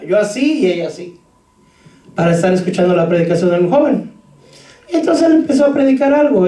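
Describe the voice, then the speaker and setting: A man's voice: high voice, mellow. A man preaching a sermon as pastor, telling stories and speaking straight to the congregation. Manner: storytelling, addressing the congregation directly. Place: church hall. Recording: roomy echo, voice from far off.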